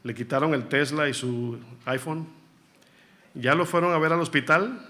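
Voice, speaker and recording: A man's voice: a little high, moderate pace, bright, forceful tone. A man voicing a churchwoman who urgently brings shocking news, in his own voice.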